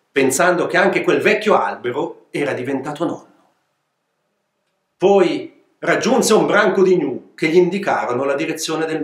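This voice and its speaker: A man reading his own children's book aloud as an expressive, playful storyteller. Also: fairly high pitch. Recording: echoey room.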